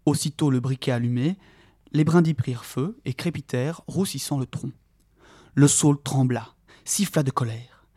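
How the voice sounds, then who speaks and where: A man telling a story by reading it aloud, in a steady, expressive storyteller's manner. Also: mid-range voice, moderate pace, no room sound, studio quality. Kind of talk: audiobook-style read-aloud.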